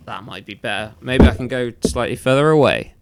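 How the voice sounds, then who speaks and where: A man's voice: medium pitch, fairly quick, creaky, heavy background noise. A man co-hosting a podcast from home, chatting casually with dry, joking banter. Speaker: podcast co-host. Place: home, in Edinburgh.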